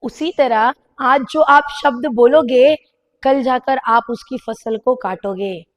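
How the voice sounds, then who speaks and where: Woman preacher, high-pitched, unhurried, fervent and commanding with a congregation. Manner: fervent, urges the crowd with shouted commands. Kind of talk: sermon.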